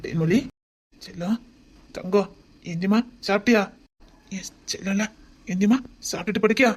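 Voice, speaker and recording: A woman's voice: medium pitch, normal speed, close to an everyday voice. Woman voicing a doting Tirunelveli husband. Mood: tender. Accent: Tirunelveli Tamil. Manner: tender, pleading, often near a whisper. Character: doting young husband, soon to be a father. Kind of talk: homemade web drama.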